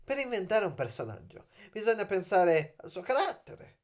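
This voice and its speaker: A young adult man hosts a video channel, lying on a bed in a small bedroom and filming on a phone held at arm's length. In a high, sing-song voice he explains things to camera as if to children, playful and dramatic, drawing out words and asking questions.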